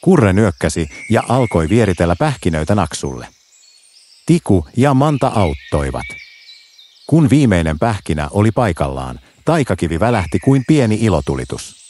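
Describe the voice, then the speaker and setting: A man narrating a children's bedtime story in a gentle, lilting way. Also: deep voice, very animated, a little hiss or hum.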